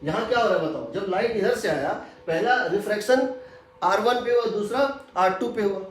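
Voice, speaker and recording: A male physics teacher lectures, repeating each key point so it sticks. His voice sits high. The classroom is strongly echoey. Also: normal speed. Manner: explains step by step, repeats key points, mixes Hindi with English terms. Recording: very echoey room.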